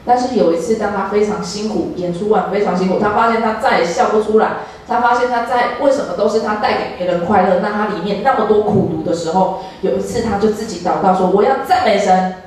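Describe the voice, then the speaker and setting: A woman's voice: mid-range voice, quick pace, hardly any pauses, darkish tone. A woman with a Taiwanese Mandarin accent preaching a sermon, earnest and encouraging toward her congregation. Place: church sanctuary. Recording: echoey church hall, distant mic, faint noise.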